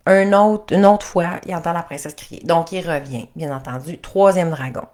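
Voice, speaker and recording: A woman's voice: lowish voice, normal speed. Chatty Quebec French woman coach. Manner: animated, chatty, many restarts. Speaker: life and couples coach. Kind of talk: storytelling in a coaching talk.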